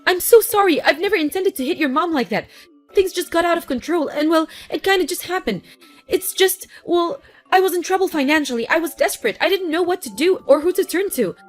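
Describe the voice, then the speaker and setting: A woman's voice: very high-pitched, expressive, fairly quick, faint music behind. A woman voicing a desperate, abusive sister-in-law who pleads and begs in a scripted story. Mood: begging. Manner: pleading, begging.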